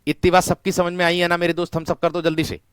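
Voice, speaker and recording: A man's voice: high-pitched, completely flat delivery, smooth, no echo. A man teaching an online exam-prep class, repeating and drawing out key words and often calling his students friends. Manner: repetitive, drawn-out stressing of key words.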